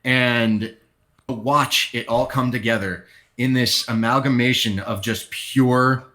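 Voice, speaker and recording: Man, bright tense voice, casual chat, enthusiastic, rambling. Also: medium pitch, steady tone, slow pace. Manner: enthusiastic, rambling fan talk. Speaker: podcast co-host.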